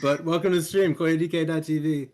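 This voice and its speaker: A man's voice: fairly high pitch, fairly even intonation, normal speed, background noise. A man co-hosting a casual podcast stream, joking and teasing in a playful way. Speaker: podcast co-host.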